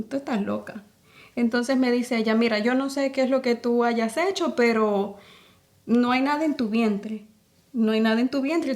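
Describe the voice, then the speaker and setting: A woman's voice: fairly high pitch, creaky, a little mellow. A woman with a Salvadoran accent, a podcast guest earnestly telling a personal faith testimony and acting out the dialogue of the scenes she retells. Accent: Salvadoran Spanish.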